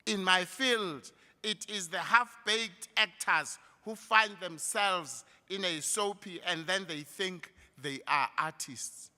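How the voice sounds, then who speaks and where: High, bright South African man speechmaking. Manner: slow, emphatic speechmaking with a preacher-like rise. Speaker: guest speaker at a graduation. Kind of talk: graduation address. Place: large hall. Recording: reverberant hall through a PA.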